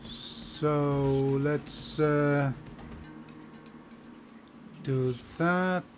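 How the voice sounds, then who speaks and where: A man's voice: a little high, fairly even intonation, very slow, soft background music. A man giving casual let's play commentary, hesitantly thinking aloud as he plays. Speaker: gaming video host.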